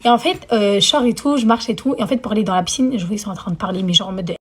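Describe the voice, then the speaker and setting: Fast-talking, animated young woman telling a story. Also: medium pitch, slightly rough. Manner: chatty, dramatic, slangy, mixes English phrases in. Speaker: storyteller vlogger. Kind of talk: casual story time.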